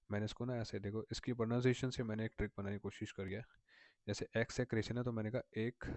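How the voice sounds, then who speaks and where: Patient and repetitive, this male teacher explains vocabulary memory tricks one step at a time and keeps asking his students "theek hai na". He speaks in a low, fairly level voice with a darkish tone, captured close to the mic in a dry, echo-free room.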